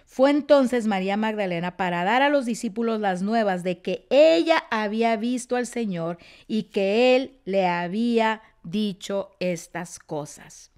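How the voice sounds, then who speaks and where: A woman teaching a Bible story, telling it expressively and often dropping to a soft, quiet tone. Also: mid-range voice, animated, a little slow, few pauses, clean tone. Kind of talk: teaching sermon.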